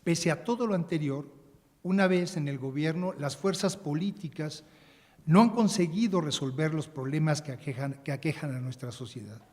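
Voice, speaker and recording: A man giving a measured, formal prepared speech as a panelist, with occasional restarts. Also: fairly high pitch, darkish tone. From Mexico. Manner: measured, reading a prepared text, some restarts. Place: large conference hall. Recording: conference hall with long reverb.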